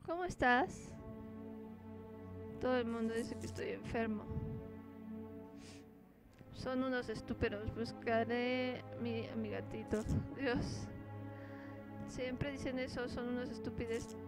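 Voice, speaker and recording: A woman's voice: fairly high pitch, little pitch movement, measured pace, pauses often. A woman streaming a horror game, reading its dialogue aloud and breaking off with startled exclamations. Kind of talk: let's play commentary, reading game text aloud. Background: game music.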